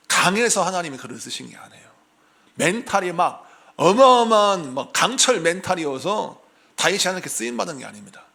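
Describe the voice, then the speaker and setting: A middle-aged male pastor preaching a lively sermon in a church, acting out anxious voices as he goes. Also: high-pitched, gravelly. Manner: animated, acts out voices of worried believers. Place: church sanctuary.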